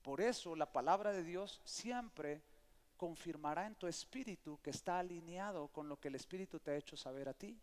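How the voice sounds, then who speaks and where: A man's voice: on the high side, normal speed. A middle-aged man, preaching a sermon and asking the congregation for amens. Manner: lively storyteller, calls for amens. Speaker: pastor. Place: church sanctuary. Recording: long church hall reverb.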